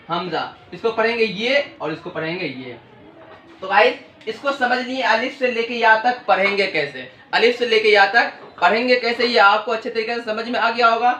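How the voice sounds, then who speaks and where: High, bright-voiced man drilling an alphabet lesson. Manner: call-and-response drilling, asks and answers his own questions. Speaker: language teacher. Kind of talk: classroom-style alphabet lesson. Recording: echoey room, distant mic.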